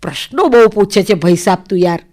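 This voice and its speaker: A woman voicing the ghost of an older husband, deep and grinding in tone, slow, teasing and scolding. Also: darkish tone, natural voice. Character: older husband's ghost speaking from a photo, gruff.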